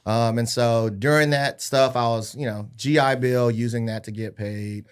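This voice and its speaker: A clear, resonant voice at medium pitch and moderate pace, with fairly even intonation, belongs to a real estate agent in his thirties. Born in Hawaii and raised in California and Arizona, he's a podcast guest casually relating his life story with upbeat, self-deprecating jokes.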